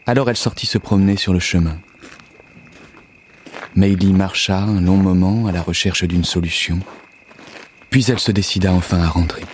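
A man calmly reading a children's story aloud in a measured, scripted narration. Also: low-pitched, slight background noise.

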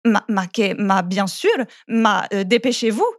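A woman voicing a big greedy bearded ogre in a storybook reading, stammering and gruff. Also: medium pitch, steady tone, measured pace, no echo, studio quality, lightly acted. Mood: flustered.

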